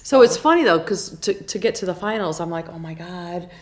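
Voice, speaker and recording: A woman co-hosting a live talk show, chatting about TV in an animated, blunt way, with her voice going hoarse. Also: mid-range voice, brisk. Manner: animated, gushing, blunt opinions. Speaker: co-host. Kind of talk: casual chat about TV shows. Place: studio.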